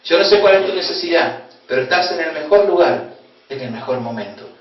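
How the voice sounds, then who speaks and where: High-voiced Argentine pastor in echoey church. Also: male voice, animated, brisk. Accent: Argentine, from Corrientes. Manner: emotional preaching, swinging between loud exclamation and hushed tones. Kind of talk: sermon with storytelling. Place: church hall. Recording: very echoey hall, distant dull mic.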